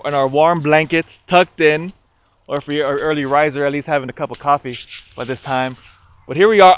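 Clear-voiced male priest, slightly high. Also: lo-fi sound. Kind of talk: liturgical reading and homily.

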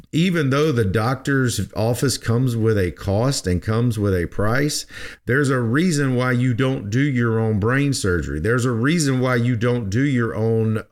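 A male radio host gives financial advice in a medium-pitched voice. He talks conversationally and with folksy emphasis, often doubling back to repeat a phrase before finishing his point.

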